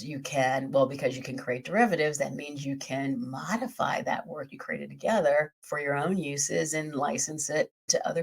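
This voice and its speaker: A woman with a slightly hoarse, scratchy voice, hosting a podcast and methodically explaining a topic through lists and examples. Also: low-pitched. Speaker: podcast host.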